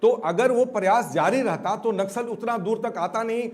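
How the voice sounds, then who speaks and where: A high-pitched man comments on politics as a TV panelist. He explains his points haltingly, often doubling back to repeat a phrase. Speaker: debate panelist.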